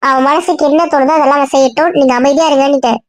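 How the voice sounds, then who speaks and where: A woman's voice: high voice, steady tone, very fast, no echo, close to an everyday voice. A woman playing a bossy friend who insistently orders people to leave in an amateur audio drama. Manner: commanding, insistent.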